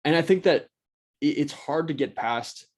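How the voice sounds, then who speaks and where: A man's voice: on the high side, moderate pace. A man hosting a casual solo talk, blunt and profane, rambling and restarting his sentences. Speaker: host.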